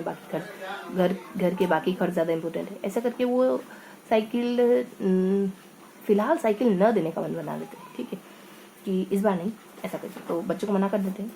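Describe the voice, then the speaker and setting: Mellow-voiced woman teaching exam prep. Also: lowish voice, a little hiss or hum, poor audio. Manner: conversational, frequent tag questions; motivational storytelling. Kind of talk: online exam-prep lesson.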